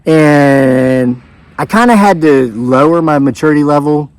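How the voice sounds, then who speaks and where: A man's voice: on the high side, measured pace, a little mellow, clear, resonant tone, no room sound. Rambling fifty-year-old man telling stories. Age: 50s. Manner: rambling, conversational, asides to viewers. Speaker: channel host. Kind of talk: casual storytelling monologue. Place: outdoors.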